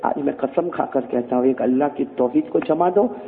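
A man's voice: medium pitch, moderate pace, gravelly. A man giving a sermon, telling stories dramatically and rousing the congregation with call-and-response. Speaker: preacher. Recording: phone-like echoey hall recording.

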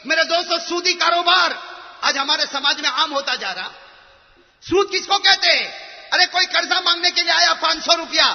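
A man preaches a fiery sermon in a very high voice. He swings from loud shouting to low, intense talk and keeps prompting the congregation to answer. His voice rings with a long hall echo through a dull, lo-fi recording. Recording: echoey hall, dull lo-fi sound.

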